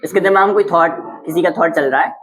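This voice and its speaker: A man's voice: high-pitched, quick pace, crowd noise, low-quality recording. A male chemistry teacher giving a classroom lesson, explaining memory tricks and quizzing students with rhetorical questions. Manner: uses silly memory tricks.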